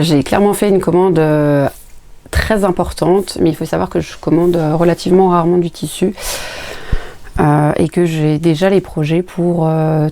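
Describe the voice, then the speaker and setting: Low, gravelly woman chatting to camera. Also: warm tone. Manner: chatty, explains each item plainly. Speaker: sewing vlogger. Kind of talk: casual unboxing chat to camera.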